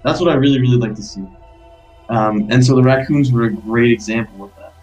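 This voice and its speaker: A man on a casual podcast, talking in a reflective, wry and unhurried way. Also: medium pitch, a little mellow, lo-fi sound, faint music behind. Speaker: podcast co-host.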